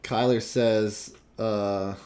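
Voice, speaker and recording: A young man hosting a livestream, animated and reading chat aloud. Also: fairly low pitch, very slow. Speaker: livestream host.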